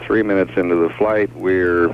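A tinny, faintly noisy 1960s radio line carries a low-pitched man. He gives measured, factual spaceflight commentary as a launch announcer. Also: fairly even intonation. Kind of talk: live mission commentary.

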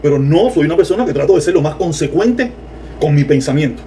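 A Cuban man with a Cuban Spanish accent talks rapidly in a casual livestream, sarcastic and animated as he reads comments. His voice sits high but sounds warm and mellow. A faint hiss of background noise runs behind him. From Cuba. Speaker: political commentator reading viewer comments.

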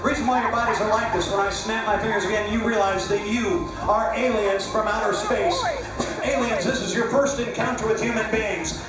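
A middle-aged man working as a stage hypnotist, giving commanding, deliberate, repeated instructions in a live show. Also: sits high, steady tone, far from the mic, over loud music. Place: large dark theatre, recorded from audience seats. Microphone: handheld stage mic through speakers, picked up by distant camera. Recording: very echoey, noisy crowded theatre from the audience. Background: loud crowd and noise.

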